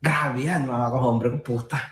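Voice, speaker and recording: A man's voice: mid-range voice, steady tone, normal speed, roomy sound. A man from San Pablo, Laguna, in the Philippines, talking to his viewers in a boisterous, joking way, laughing often and swearing casually. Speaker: vlogger.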